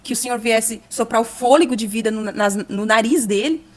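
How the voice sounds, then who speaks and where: A woman's voice: a little high, normal speed, a little mellow. A young woman in a podcast telling an emotional testimony, earnest and at times close to tears. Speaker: guest giving testimony.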